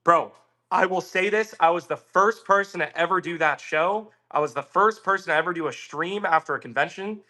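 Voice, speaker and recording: A man with a slightly high, bright, forceful voice tells a story in loose, animated chat. He swears a lot and slips into quick impressions of the people he met. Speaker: podcast guest.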